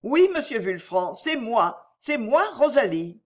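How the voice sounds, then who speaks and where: A woman's voice: fairly high pitch, sing-song, takes it slowly, voice pushed up, exaggerated voice. A woman voicing a timid, hurt young factory girl who answers plaintively in a storybook reading. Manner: plaintive, tearful.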